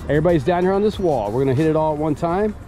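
Upbeat guy filming himself on the docks, loud and hyped, music bed underneath. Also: a little high, animated, very fast. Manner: hyped, shouts catchphrases like "baby". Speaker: magnet fishing vlogger. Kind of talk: excited outdoor vlog narration. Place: outdoor waterfront docks and park.

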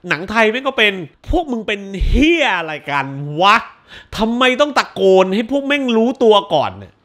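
Male movie reviewer, high and very lively voice, casual and crude, acts out scenes with shouts. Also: moderate pace.

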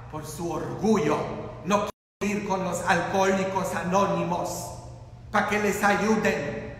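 Priest, man, high bright voice, slow impassioned sermon full of rhetorical questions; very roomy church reverb. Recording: echoey church with long reverb.

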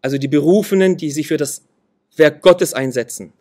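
A man's voice: on the high side, moderate pace, darkish tone. A man preaching a sermon, reading Bible verses aloud and repeating key phrases with earnest emphasis.

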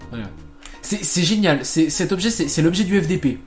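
A man's voice: on the high side, lively intonation, brisk, soft background music. A man casually commenting on a video game he is playing, rambling with lots of fillers, restarts and swearing. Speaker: gaming channel host. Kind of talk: casual let's play commentary.

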